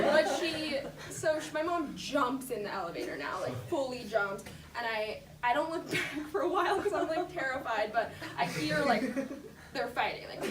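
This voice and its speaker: A young adult woman telling a casual story full of fillers, often laughing as she talks. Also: high voice. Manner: lots of fillers, frequent laughter. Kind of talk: casual anecdote. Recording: echoey room, distant mic, background noise.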